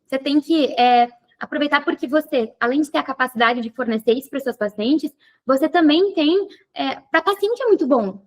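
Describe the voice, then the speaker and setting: A woman's voice: high voice, animated, normal speed. A woman hosting an interview, talkative and thinking aloud with many fillers. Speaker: podcast host and physiotherapy teacher. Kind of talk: casual interview chat.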